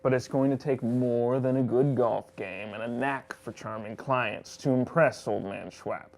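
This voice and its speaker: Man playing a creaky, pompous petty boss. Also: mid-range voice, steady tone, unhurried, a little mellow, close to an everyday voice. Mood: condescending, scolding. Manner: pompous, scolding, melodramatic. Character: petty, pompous, vindictive male office boss. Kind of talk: comedic audio-drama dialogue.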